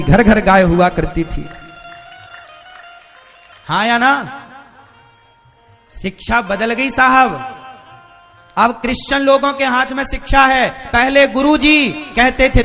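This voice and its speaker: A man's voice: very high voice, bright, forceful tone. A man preaching a devotional sermon to a live audience, who keeps asking his listeners rhetorical questions. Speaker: religious preacher.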